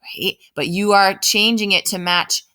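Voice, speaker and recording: An elementary writing teacher with a medium-pitched, bright, forceful, smooth voice teaches an informal lesson at an unhurried pace. Going step by step, she thinks aloud and often checks in with the listener by asking "right?"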